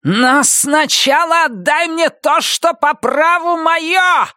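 A strange, otherworldly woman stepped out of a painting speaks with cool, measured command, voiced by a man reading the story. When she breaks, her voice rises into shrill, inhuman shrieking. The recording is close and dry, with no room around it. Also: sharp tone, no echo, heavily acted.

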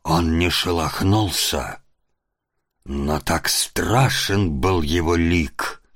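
A man narrating a fantasy audiobook in a measured, dramatic way. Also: low voice, fairly bright tone, no room sound, clean studio sound.

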